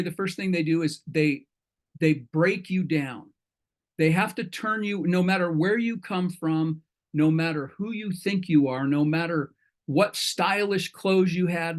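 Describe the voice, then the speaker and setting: Folksy middle-aged man hosting a meetup. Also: a little high. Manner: folksy, rambling, with self-corrections and asides. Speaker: host of an entrepreneur meetup. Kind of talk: casual talk to an online group.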